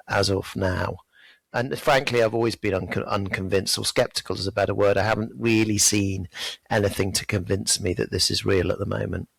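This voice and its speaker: A middle-aged man, co-hosting a medical podcast in a frank, measured, dryly skeptical way. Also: lowish voice, creaky, fairly bright tone, no room sound, rough recording. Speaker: podcast co-host, melanoma doctor. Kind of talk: casual podcast discussion.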